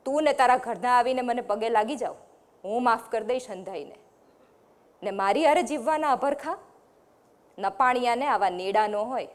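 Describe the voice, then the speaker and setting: A woman reading aloud from her novel, voicing a fearless village woman who loudly scorns and threatens a man. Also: a little high, normal speed, long pauses, close to an everyday voice. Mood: scornful. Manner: scornful, shouting.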